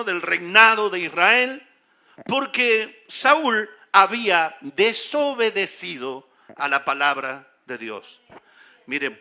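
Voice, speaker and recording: A man's voice: high voice, bright, forceful tone. A man preaching a sermon as pastor, emphatic and full of rhetorical questions to his congregation. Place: church sanctuary.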